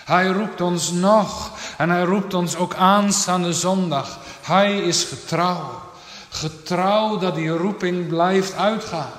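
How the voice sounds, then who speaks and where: A man's voice: fairly high pitch, a bit bright. A man preaching a sermon to his congregation, solemn and emphatic, with old-fashioned biblical phrasing. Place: church. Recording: echoey church with long reverb.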